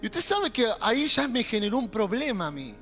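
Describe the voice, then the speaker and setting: A young adult man preaching a sermon in a Rioplatense accent, animated and calling out to the congregation. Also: very high-pitched, fairly quick. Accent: Rioplatense Spanish. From Argentina. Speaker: pastor. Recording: faint music behind.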